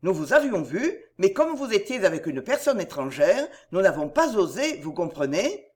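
A woman's voice: medium pitch, sing-song, moderate pace, natural voice. A woman reading aloud and voicing a frank, plain-spoken middle-aged father. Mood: apologetic. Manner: frank, apologetic.

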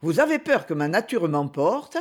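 A reader playing a proud young nobleman from a romance novel, gallant and calm. His speech is courteous and measured, with lively rises and falls. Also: medium pitch. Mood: reassuring.

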